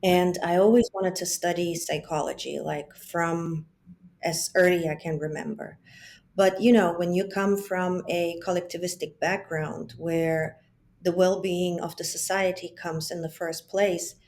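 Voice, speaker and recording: A psychologist and business founder in her forties who grew up in Germany joins a casual interview as a guest, calling in remotely from home while children can be heard nearby. Her lowish, slightly mellow voice holds a steady tone at a measured pace. She speaks reflectively, often restarting and drifting into asides.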